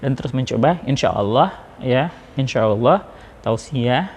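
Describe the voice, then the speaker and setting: A man giving a relaxed lesson on preaching technique, talking in a chatty way with many fillers and restarts. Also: medium pitch, a little slow, slight background noise. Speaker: public speaking teacher. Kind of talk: informal lesson on preaching delivery.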